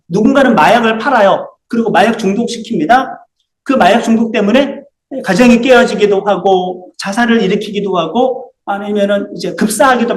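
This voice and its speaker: A man's voice: sits high, echoey room. A male pastor preaching a sermon, explaining his points and putting rhetorical questions to the congregation. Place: church sanctuary.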